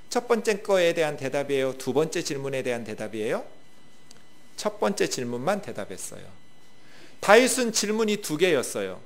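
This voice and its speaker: A male pastor preaching a sermon, asking the congregation questions and swinging from loud bursts to quiet asides. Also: on the high side.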